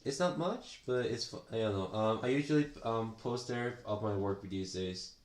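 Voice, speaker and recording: On a live stream, a man works on a hobby project and talks casually, switching back and forth between Japanese and English. He greets viewers by name with politeness, laughs a lot, and fills his speech with fillers, all in a lowish voice at an unhurried pace.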